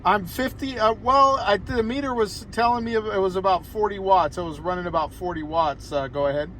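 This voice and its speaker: Sitting in a parked car on a hillside, this American ham radio operator rambles through a casual on-air chat. He speaks briskly in a high, somewhat bright voice, and a little background noise can be heard.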